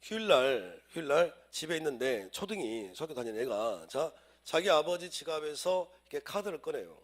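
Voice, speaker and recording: A man lecturing on civil law to exam students, with a slightly raised voice. His pitch swings widely as he drills the class in call-and-response chants. He acts out little household scenes to explain the rules. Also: big pitch swings, fairly quick.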